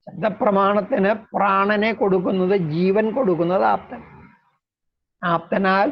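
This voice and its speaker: A man lecturing on philosophy in a slow, measured way, explaining terms step by step. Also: high-pitched. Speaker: lecturer on Indian logic. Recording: dull lo-fi recording.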